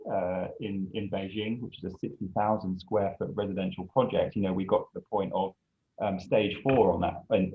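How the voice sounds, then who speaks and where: A man, a design studio principal, speaking haltingly with many restarts in a panel discussion. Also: deep voice. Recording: tinny phone-like line.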